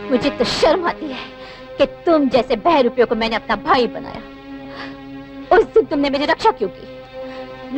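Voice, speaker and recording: An actress playing a young orphaned village woman who begs her brother through tears, in 1980s film acting. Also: extremely high pitch. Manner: desperate pleading. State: crying.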